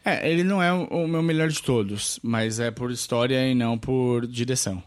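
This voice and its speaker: Male co-host, congested from a cold, halting and self-correcting. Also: medium pitch. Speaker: podcast co-host. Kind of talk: casual film chat.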